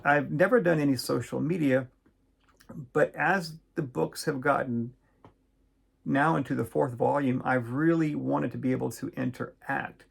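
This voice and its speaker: A middle-aged man, an author, talking casually and unscripted to camera, earnest and measured, with many fillers and halting restarts. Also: mid-range voice, gravelly, slightly rough.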